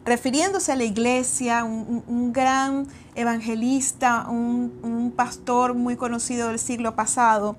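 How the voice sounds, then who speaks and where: High-voiced woman sharing a testimony. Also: level tone, a little slow, few pauses, a little hiss or hum. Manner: earnest, storytelling with frequent restarts. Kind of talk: personal testimony and exhortation.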